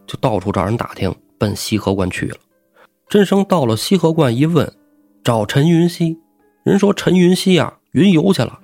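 Brief: male podcast storyteller, chatty and colloquial, mid pitch. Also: gravelly, dry recording. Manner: lively, colloquial, chatty asides. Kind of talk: casual storytelling.

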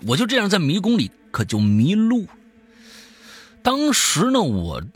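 A man who hosts a show, telling a scary story in the first person, swinging from hushed to loud. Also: high voice, wildly swooping pitch, a little slow, slightly rough, dry recording. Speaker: host reading a listener's story.

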